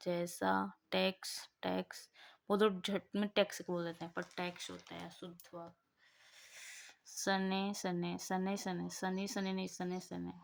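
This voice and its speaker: A woman teaching an exam prep class, slowly reading out words twice each and putting in quick asides to her students. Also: on the low side, gravelly. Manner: slow, deliberate repetition of each word. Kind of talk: spelling drill lesson, reading words twice.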